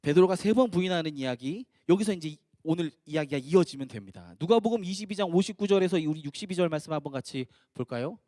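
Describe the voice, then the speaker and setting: A male pastor preaching at a youth prayer meeting, telling the story in an animated way and acting out the scripture. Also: on the high side, quick pace, hardly any pauses, no room sound, studio quality.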